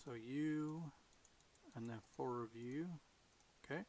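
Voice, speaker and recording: A gaming video host plays solo and talks to himself in casual commentary, musing in half-whispered asides as his voice gives out. His medium-pitched voice is slow, with a noisy background.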